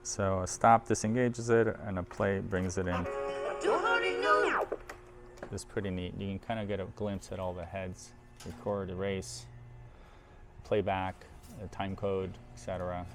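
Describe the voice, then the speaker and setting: In a low voice, a man casually demonstrates audio gear hands-on, musing out loud as he works the machine in an informal way.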